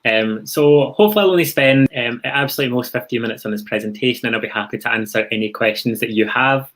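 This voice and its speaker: A young man with a broad Scottish accent presents over a video call at a middling pitch. He explains things informally and politely, with a reassuring manner, as a university representative addressing prospective students. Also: fast, a bit bright. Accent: strong Scottish. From Scotland. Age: young adult. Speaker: university international officer giving a presentation. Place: indoor room on a video call.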